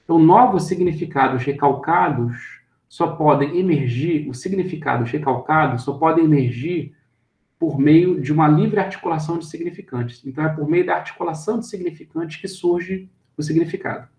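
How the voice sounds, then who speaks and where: A fairly high-voiced man with a Brazilian Portuguese accent explains ideas step by step in a lecture, thinking aloud and pausing to check that listeners follow. His voice rings around a reverberant room. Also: darkish tone. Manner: thinks aloud, checks understanding with frequent tag questions.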